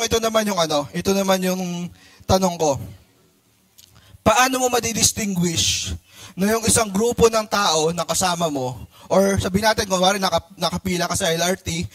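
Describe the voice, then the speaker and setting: High-voiced Filipino man preaching lively. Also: normal speed. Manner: lively, mimics voices, laughs often. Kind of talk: sermon with audience questions.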